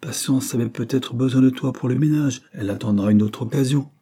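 Man doing a gentle Quaker father. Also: medium pitch, fairly quick, breathy edge, voice pushed up, natural voice. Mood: mild. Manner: mild, calm. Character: gentle, indulgent Quaker father, middle-aged.

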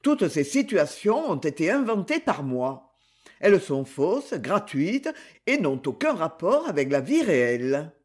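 A man's voice: fairly high pitch, sing-song, measured pace, breathy edge, heavily acted. Man reading as a hunted, nervous crime writer. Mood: anxious.

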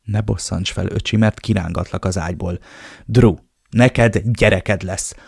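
A man's voice: on the low side, vocal fry, a little mellow, husky, dry recording, clean studio sound. A man voicing a worried older sister who pleads with her brother urgently and insistently, in an audiobook.

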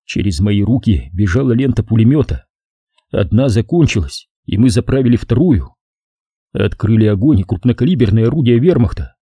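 A man's voice: on the low side, animated, moderate pace, mellow, slightly rough, dry recording. A man reading a war novel aloud as dramatic audiobook narration. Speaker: audiobook reader.

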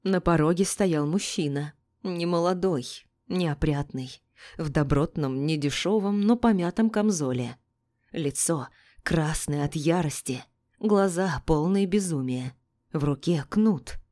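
Woman narrator, first-person story, dramatic reading, low voice. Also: measured pace, dark tone.

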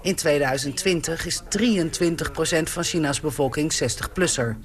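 A man delivers a scripted radio report from abroad, with a slightly raised pitch. His reading is calm and measured. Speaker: foreign correspondent.

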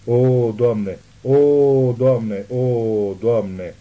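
A man's voice: lowish voice, fairly even intonation, narrow, tinny audio, natural voice. A man voicing a female cult prophetess in a trance, speaking in a weak, trembling voice. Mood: anguished.

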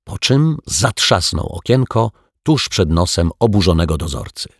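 A man narrating a children's storybook in a calm, even storytelling manner, recorded on a close microphone. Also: sits low, a little slow, creaky, slightly rough, no echo. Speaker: audiobook narrator.

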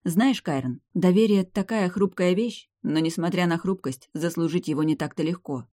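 A man's voice: sits high, moderate pace, dark tone, dry recording, studio quality, voice pushed up, natural voice. Man voicing a hissing vampire noblewoman. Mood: cold. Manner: hissing, cold then furious. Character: proud angry female vampire noblewoman.

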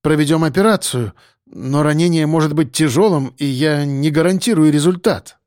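A man's voice: a little high, moderate pace, darkish tone, dry recording, studio quality, lightly acted. A man voicing a nervous, indignant male hospital doctor who protests and frets. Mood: resigned.

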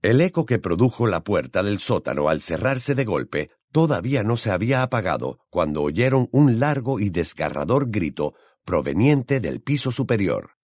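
Man, audiobook narration, lively intonation, dry close recording. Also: fairly low pitch, moderate pace, few pauses, no room sound. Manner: expressive, varied intonation.

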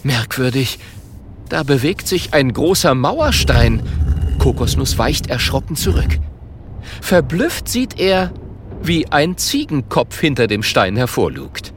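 Slow, lively storybook narrator. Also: mid-range voice, noisy background. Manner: expressive, storytelling. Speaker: audiobook narrator. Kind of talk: scripted children's story narration.

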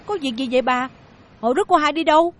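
Woman doing an anxious young maid, worried questions, high fast voice, audiobook drama. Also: lightly acted.

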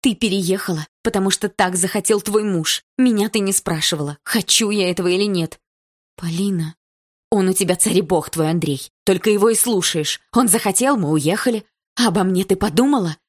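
A woman's voice: lowish voice, normal speed, breathy edge, voice pushed up. A woman voicing a teenage schoolgirl who pleads and then argues heatedly in an audiobook. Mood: angry. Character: teenage schoolgirl, upset and defiant.

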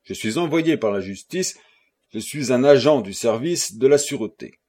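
A stern, solemn police agent with a formal manner and a husky voice, as read by an audiobook narrator. His pitch rises and falls with lively inflection. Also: normal speed, close to an everyday voice. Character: agent de la sûreté, homme mûr, sévère.

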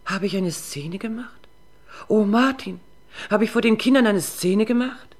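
A woman voicing a drunken, weeping young mother who pleads and reproaches in a high, tearful voice. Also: a little slow, natural voice. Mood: wailing.

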